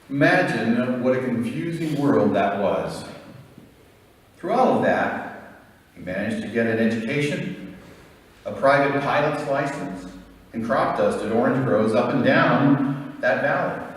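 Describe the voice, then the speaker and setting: A middle-aged American man delivers a prepared eulogy as a son, in a solemn, measured storytelling manner. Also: mid-range voice. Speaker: son giving a eulogy for his father. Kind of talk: prepared memorial speech. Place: large reverberant room. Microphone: distant microphone. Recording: echoey hall, distant mic, faint noise.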